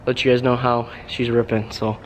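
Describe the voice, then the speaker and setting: In this casual garage vlog, a young man chats loosely about working on his car, with lots of fillers and audibly out of breath. He speaks at a moderate pace in a mid-range, level voice, moving from beside the car in the garage to a windy outdoor spot. The audio is low quality.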